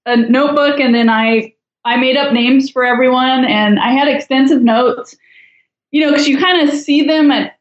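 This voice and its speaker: Casting note: chatty woman guest, wry and gossipy, higher voice, roomy dull-sounding line. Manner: wry, chatty, judgmental humor. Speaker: podcast guest. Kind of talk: casual chat.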